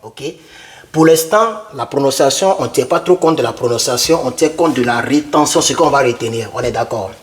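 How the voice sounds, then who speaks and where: A man's voice: mid-range voice, a little fast. A young man giving a casual video lesson, repeating words over and over to drill pronunciation and speaking straight to the viewer. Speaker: English teacher.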